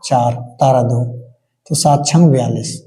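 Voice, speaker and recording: A medium-pitched, mellow voice at a measured pace belongs to a male maths teacher going through board-exam problems step by step. He chants times tables and answers his own questions to the class, recorded with long hall reverb.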